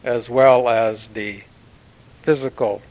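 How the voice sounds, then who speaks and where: A man channeling a slow, solemn Martian commander. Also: medium pitch, fairly even intonation, darkish tone, lightly acted, low-quality recording. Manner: formal, measured pronouncements with long pauses. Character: solemn male Martian commander addressing Earth. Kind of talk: channeled spiritual message.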